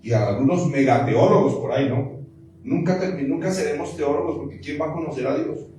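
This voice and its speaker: High-voiced fervent male preacher in echoey hall. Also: brisk, dark tone, slight background noise. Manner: fervent, call-and-response with congregation. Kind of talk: sermon. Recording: echoey distant church room recording.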